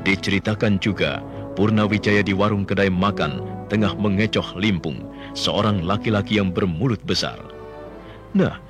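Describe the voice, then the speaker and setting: A man narrating and announcing a radio drama in a dramatic, scripted storytelling style. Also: on the low side. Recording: music bed under the voice. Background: music.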